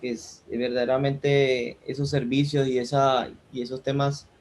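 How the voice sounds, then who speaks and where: Flat-voiced man co-hosting a livestream. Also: mid-range voice, measured pace. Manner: hesitant, many fillers. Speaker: co-host of a community livestream. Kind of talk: livestream co-hosting, thanking the speaker.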